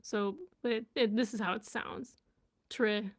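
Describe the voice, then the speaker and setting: A woman's voice: fairly high pitch, steady tone, moderate pace. A young woman chatting casually on a live stream, giggling and sounding out words as she learns them. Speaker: vlogger and language learner.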